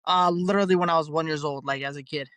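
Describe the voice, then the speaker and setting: Easygoing fighter, smooth and slightly high. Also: male voice, steady tone, quick pace, a bit bright, no echo. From Canada. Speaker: bare knuckle fighter guest. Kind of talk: casual interview.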